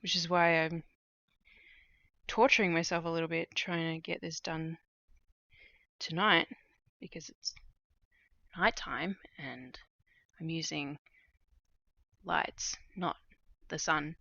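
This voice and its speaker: Woman streamer, relaxed and lowish, talking through her craft at home, dry and close, a touch muffled. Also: creaky, dry recording. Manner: relaxed, unhurried, thinking aloud with many fillers. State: starting to lose her voice. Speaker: cross-stitch streamer. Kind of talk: casual live-stream chat while crafting. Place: at home at a table, at night.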